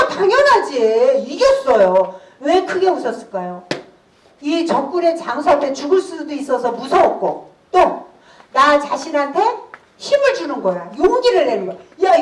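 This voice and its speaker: A woman in her sixties giving a laughter therapy lecture, animated, breaking into loud laughs and shouts as she leads the group. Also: high voice. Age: 60s. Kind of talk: workshop lecture with call-and-response. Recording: roomy hall, voice from a distance.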